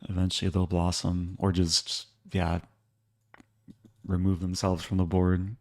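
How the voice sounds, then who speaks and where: A man giving casual live commentary as a chess streamer, low-key and thinking aloud in short fragments. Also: completely flat delivery, a little slow.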